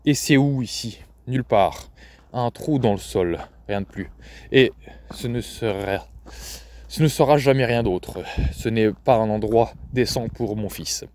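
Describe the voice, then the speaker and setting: A man's voice: mid-range voice, measured pace, a little mellow, slight background noise, close to an everyday voice. A man playing a cold, stern father who speaks curtly and firmly. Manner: curt, firm, expressionless.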